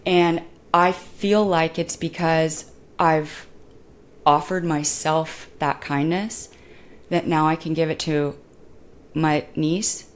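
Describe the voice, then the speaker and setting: Candid, lower-pitched woman telling stories. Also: slow. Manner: candid, animated storyteller acting out voices. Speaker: podcast co-host and motorcycle racer. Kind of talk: casual podcast conversation.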